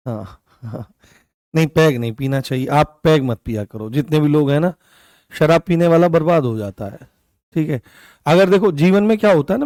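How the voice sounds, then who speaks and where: A man's voice: fairly high pitch, darkish tone, no room sound. A man teaching an online exam-prep class, coughing, often turning key points into questions for his students. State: coughing, hoarse. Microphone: own mic.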